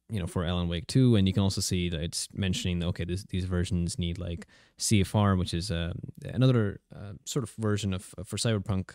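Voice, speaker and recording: A man giving a casual, conversational software tutorial as a voice-over, a little hesitant in his delivery. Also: on the low side, dry recording, clean studio sound. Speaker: tutorial host.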